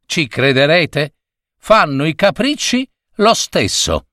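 Male storybook narrator, slow, very animated delivery, playful; dry close mic. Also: on the high side, dry recording. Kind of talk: storybook reading.

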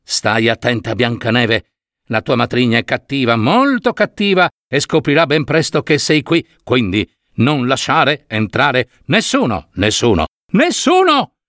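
A man's voice: mid-range voice, animated, measured pace, a bit bright, no echo, studio quality. A man voicing the seven dwarfs in a storybook reading, giving earnest warnings. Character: seven dwarfs, gruff and protective.

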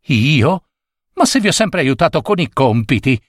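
A man's voice: on the high side, big pitch swings, moderate pace, no room sound, studio quality, pitched above the performer's own voice. A man voicing a bossy, defensive young schoolgirl who sounds whiny and indignant.

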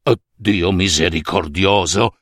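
A man's voice: deep voice, slow, fairly bright tone, breathy edge, dry recording, studio quality, pitched below the performer's own voice, full character voice. A man voicing a kindly middle-aged charity collector, flustered and stammering. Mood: overwhelmed.

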